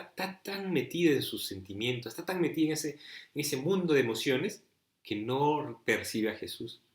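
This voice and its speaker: A man's voice: mid-range voice, roomy sound. A man preaching a sermon, emphatic and pleading, full of rhetorical questions to the listener.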